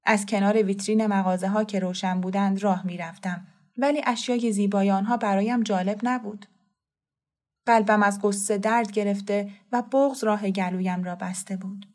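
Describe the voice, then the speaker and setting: A woman reads a story aloud in a calm, measured, soft voice. Her narration is steady and unhurried, in a middle pitch. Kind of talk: scripted audiobook narration.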